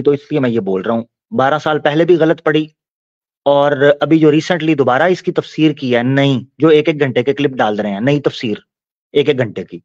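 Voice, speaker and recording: A man giving Islamic commentary, explaining points and reciting verses slowly. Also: fairly high pitch, darkish tone, no room sound, lo-fi sound. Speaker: religious commentator.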